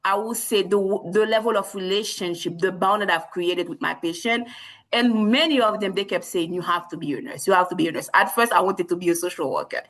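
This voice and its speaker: In this low-quality clip, a nurse practitioner from Haiti talks fairly quickly as a guest on a podcast interview. Her mid-range voice has a fairly bright tone, and she comes across as earnest, going over the same points again and frequently starting her sentences over.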